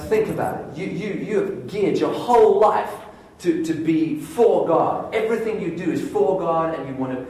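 A man's voice: on the high side, recorded from a distance, slight background noise. Man preaching in an echoey hall. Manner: storytelling, animated, acts out inner thoughts. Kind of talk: sermon.

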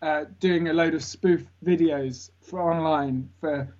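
A man's voice: fairly high pitch, steady tone, slow pace, darkish tone. A man, a guest voice actor chatting casually in an interview, jokey and rambling, laughing often. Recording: lo-fi internet call audio.

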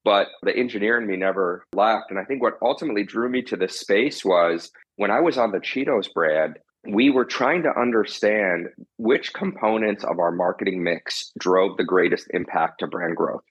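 A low-pitched, husky man speaks as an interview guest, explaining business matters. The sound is dull and lo-fi. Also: moderate pace, hardly any pauses. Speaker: interview guest, marketing executive.

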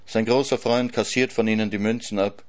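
Brief: male reader of literary prose, low-pitched voice, measured and sober, dry irony. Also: fairly even intonation. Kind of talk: literary reading.

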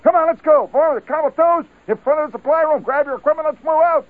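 Man voicing a gruff barking sergeant, shrill yells, lo-fi radio sound. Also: no echo. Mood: barking orders. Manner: shouting rapid-fire orders. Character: barking male army first sergeant, gruff. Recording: tinny lo-fi 1970s radio broadcast.

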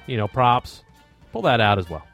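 This is a man co-hosting a relaxed chat about tabletop games. He hands out tips in an easygoing way, peppering them with "you know, man". Faint music plays softly behind his voice. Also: mid-range voice, normal speed. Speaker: podcast co-host. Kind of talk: casual tabletop gaming chat.

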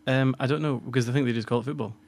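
A man's voice: medium pitch, fairly even intonation, racing. A Glaswegian man co-hosting a casual podcast chat, making dry, matter-of-fact remarks. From Scotland. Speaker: podcast co-host.

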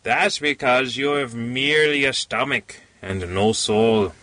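A man voicing a stout, sneering man who grunts his words slowly. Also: medium pitch, pushed and bright, recorded from a distance, pitched above the performer's own voice. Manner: grunting, slow. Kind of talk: storybook reading.

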